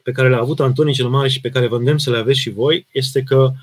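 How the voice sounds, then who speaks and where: A Romanian priest answering viewers' questions in a live sermon, earnest and emphatic, with frequent restarts and fillers. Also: male voice, medium pitch, steady tone, husky. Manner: reads out viewer questions and answers them plainly.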